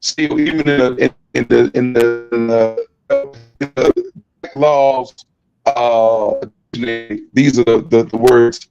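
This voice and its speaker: A man presenting a lecture over an online call, talking haltingly and repeating words, while his audio keeps breaking up and cutting out. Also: medium pitch, lively intonation, vocal fry, dull audio, over music. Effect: choppy call audio breaking up and cutting out.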